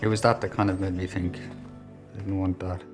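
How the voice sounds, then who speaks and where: Low-voiced Irish man, reflective. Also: little pitch movement, a little fast, over music. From Ireland. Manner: reflective, candid storytelling. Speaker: documentary interviewee. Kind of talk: documentary interview.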